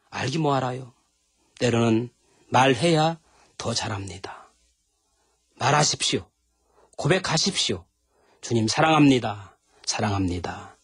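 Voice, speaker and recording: A man's voice: medium pitch, no echo, studio quality. A man preaching a sermon, telling stories and acting out the voices in them. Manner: animated, acts out voices in stories. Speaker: pastor. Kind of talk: sermon with storytelling.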